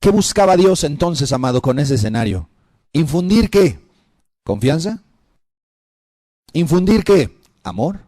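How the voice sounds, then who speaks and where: A man preaching a sermon with dramatic swings between loud cries and hushed whispers, hammering the listener with rhetorical questions. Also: fairly high pitch, big pitch swings, a little slow, pauses often, dry recording, studio quality.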